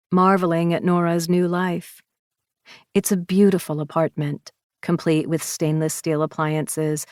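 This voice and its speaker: A woman's voice: on the low side, darkish tone, no echo, clean studio sound. A woman narrating an audiobook in first person, with a confessional, emotional delivery.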